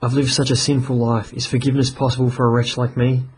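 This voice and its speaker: A man's voice: mid-range voice, little pitch movement, fast talker, a little hiss or hum, close to an everyday voice. A man voicing a guilt-ridden male snake who begs and weeps in a read-aloud folk tale. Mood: pleading. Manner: begging, weeping tone.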